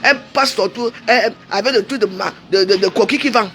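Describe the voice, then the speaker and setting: A woman's voice: medium pitch, quick pace, over music. A woman delivering a confrontational livestream rant, scolding people directly. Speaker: online commentator.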